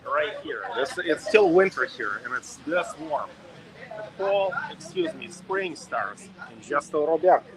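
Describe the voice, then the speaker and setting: A man's voice: a little high, lively intonation, a little slow, a crowd in the background, low-quality recording. A middle-aged man from Russia hosting a casual chat outdoors, talking emphatically in repeated lists. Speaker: host.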